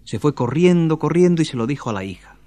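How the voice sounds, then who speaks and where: A man telling an old folktale in a lively, homespun way. His pitch leaps up and down, and the sound is dry and close. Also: quick pace, dry recording. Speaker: storyteller.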